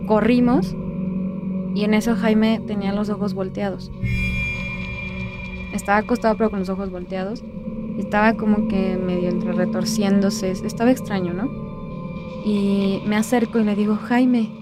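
A woman with a Mexican accent recounting a personal ghost story, speaking softly and often trailing off into a quiet voice. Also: medium pitch, fairly even intonation, moderate pace, long pauses. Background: music.

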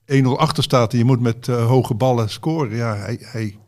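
A man's voice: medium pitch, fairly quick, darkish tone. A man chatting casually as a podcast panelist, often agreeing with short remarks. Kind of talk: casual chat.

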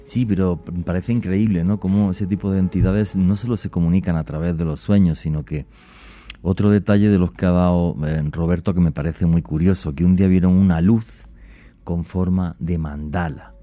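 A man's voice: low-pitched, steady tone, normal speed, mellow, no room sound. A man hosting a paranormal talk show in a conversational, musing way, repeating phrases for emphasis. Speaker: show host. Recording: muffled lo-fi audio with music behind. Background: background music.

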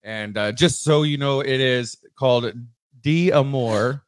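A man's voice: medium pitch, takes it slowly, smooth, no echo. A man hosting a podcast, reading sponsor spots and chatting casually, often swearing and joking. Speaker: podcast host. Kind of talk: casual chat and sponsor reads.

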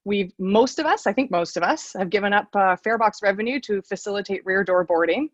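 A woman executive being interviewed from her home over a computer call, speaking in a measured, plain-spoken way. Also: medium pitch, animated, no echo, lo-fi sound. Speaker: transit agency CEO guest. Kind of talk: remote interview.

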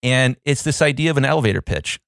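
A man's voice: medium pitch, expressive, fast, vocal fry, a bit bright, no echo, clean studio sound. A man co-hosting a casual podcast, playful and fond of putting on silly voices. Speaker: podcast co-host.

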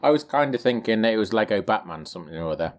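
Male podcast co-host, deep voice, jokey and teasing. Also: animated, racing. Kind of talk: casual podcast chat.

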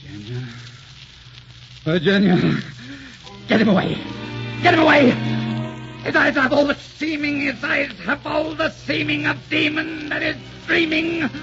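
An actor playing a tormented, delirious dying poet in a theatrical 1940s radio drama style, anguished and repeating words feverishly. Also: male voice, very high voice, very animated, unhurried, pauses often, full character voice. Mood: desperate, pleading. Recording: muffled 1940s radio recording, loud music.

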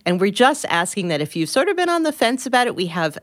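An upbeat woman co-hosting a podcast, laughing often as she chats. Her intonation is lively and her voice sits in the middle of the range. The sound is dry and close to the mic. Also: mid-range voice, quick pace, no room sound. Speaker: podcast co-host. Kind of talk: casual podcast chat.

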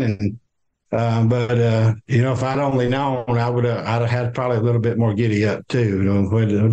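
Halting older Southern man, interviewee. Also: medium pitch, darkish tone. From American South. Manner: halting, many fillers and restarts. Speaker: guest. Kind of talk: interview, personal account.

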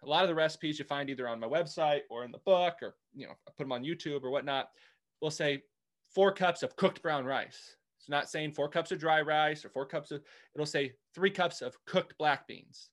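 Hesitant man with a higher voice. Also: normal speed, a bit bright. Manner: hesitant, many restarts and fillers. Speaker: guest. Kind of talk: casual interview.

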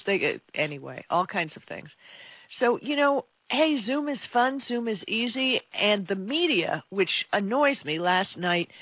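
A woman's voice: mid-range voice, no echo, lo-fi sound. A woman co-hosting a tech talk show, chatting casually and giving her opinions in an emphatic, conversational way. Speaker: tech radio co-host.

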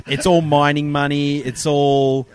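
A man's voice: fairly high pitch, little pitch movement, a little slow, clean tone, no echo. A man with an Australian accent, hosting a podcast and chatting in an easygoing way. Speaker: podcast host. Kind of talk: casual podcast chat.

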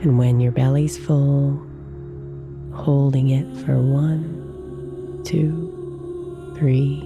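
A woman leading a guided meditation in a soft, soothing, gently drawn-out manner, as its host. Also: a bass voice, steady tone. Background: new-age music with singing bowls.

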